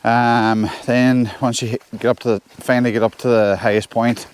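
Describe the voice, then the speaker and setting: Male hiking vlogger, Northern Irish, mid-pitched, chatting casually outdoors while trudging through snow. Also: little pitch movement, normal speed, smooth. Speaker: solo hiker vlogging. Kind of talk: casual walking vlog. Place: outdoors on a snowy hill forest track.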